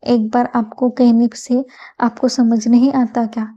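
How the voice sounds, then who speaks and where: A woman's voice: a little high, little pitch movement, measured pace, mellow, lo-fi sound. A woman reading a bossy young royal husband. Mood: domineering. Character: young male royal husband, teasing, domineering.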